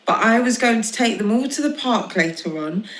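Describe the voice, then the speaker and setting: A woman's voice: on the high side, lively intonation, moderate pace, roomy sound, voice pushed up, natural voice. A woman voicing a worn-out mum in a storybook who just wants to rest. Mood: weary. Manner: weary, polite.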